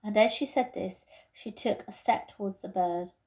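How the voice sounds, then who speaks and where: A teacher reads a children's story aloud to her pupils, narrating expressively. Her voice is mid-range and her pace moderate.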